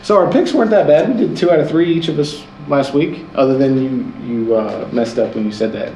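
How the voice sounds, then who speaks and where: A man's voice: medium pitch, fairly quick, dark tone. A man co-hosting a casual sports podcast, loose and joking, with fillers and restarts. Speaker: podcast co-host. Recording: roomy with faint ambient noise.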